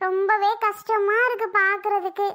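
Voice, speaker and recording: A woman voicing a caring young aunt in a cartoon, soothing crying toddlers in a high, sing-song coaxing voice. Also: flat delivery, normal speed, fairly bright tone. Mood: distressed. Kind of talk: cartoon voice acting.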